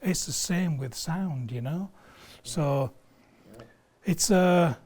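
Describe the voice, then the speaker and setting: Slow and darkish in tone, his voice on the high side, a man explains a product enthusiastically in conversation. As a loudspeaker company sales director visiting a video studio as a guest, he's emphatic and loves analogies from everyday life.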